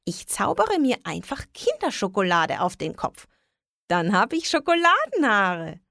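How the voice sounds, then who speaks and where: A kind, childlike storybook witch, as a woman reads her with a lilting, lively voice that swoops up and down. The sound is close and dry, with no room around it. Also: medium pitch, measured pace, vocal fry, no room sound, heavily acted. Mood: delighted.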